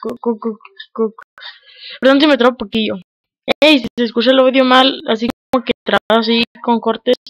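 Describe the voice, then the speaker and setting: A man with a Mexican accent giving casual gameplay commentary over a headset, muttering quietly to himself in slang with sudden excited outbursts. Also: very high-pitched, fairly quick, dry recording, poor audio. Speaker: gamer.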